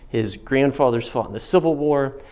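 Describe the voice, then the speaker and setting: A man with a mid-range voice presents a guided history tour on location. He explains things informally, in measured phrases, and stresses key words as he goes. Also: medium pitch, a little mellow. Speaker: host of a history and film channel, guiding a museum tour. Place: inside a museum gallery.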